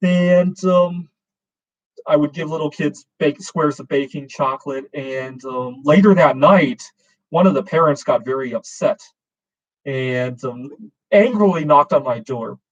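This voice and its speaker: A man's voice: a little high, a little slow, lo-fi sound. A man in his forties hosting a casual open-camera chat, rambling with many fillers and restarts. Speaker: show host.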